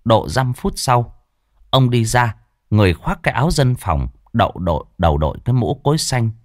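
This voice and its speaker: A man's voice: medium pitch, very animated, moderate pace, no room sound, clean studio sound. A man narrating a horror story expressively.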